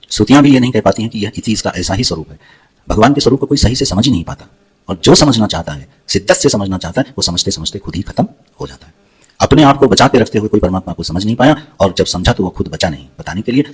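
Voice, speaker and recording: A man giving a devotional sermon. He tells scripture stories in a fast, animated way and chants Sanskrit verses. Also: on the low side, breathy edge. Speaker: preacher telling scripture stories.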